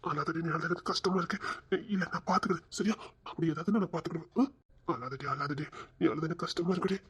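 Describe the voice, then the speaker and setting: A woman's voice: low-pitched, quick pace. A woman voicing an eager young man who coaxes and reassures his girlfriend. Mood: reassuring. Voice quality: husky. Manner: coaxing, soft reassurances.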